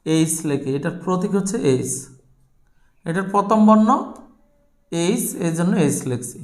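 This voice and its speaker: A man's voice: high voice, animated, moderate pace. A man teaching a chemistry lesson to students, posing questions and answering them himself and repeating key terms. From Bangladesh. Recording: roomy echo.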